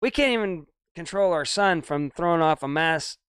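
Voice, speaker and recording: A man's voice: a little high, expressive, moderate pace, a bit bright, clear, resonant tone, no echo, clean studio sound. An older man co-hosting a casual couch chat, rambling and grumbling his opinions. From United States. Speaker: co-host.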